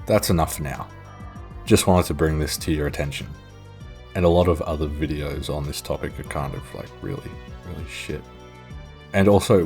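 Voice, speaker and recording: A young man narrates a documentary-style video in a casual, informal, self-deprecating way, swearing as he goes. His voice sits low with a darkish tone, and music plays in the background.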